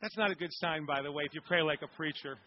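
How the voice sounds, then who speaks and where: Male preacher, high-pitched, tells stories then builds to emphatic questions; church sanctuary, muffled audio. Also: quick pace. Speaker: pastor. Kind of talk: sermon storytelling. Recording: dull recording with long hall reverb.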